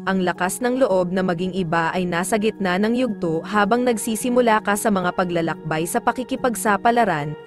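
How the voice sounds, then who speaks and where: A woman narrating daily horoscopes in a measured, formal reading style. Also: medium pitch. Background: faint background music.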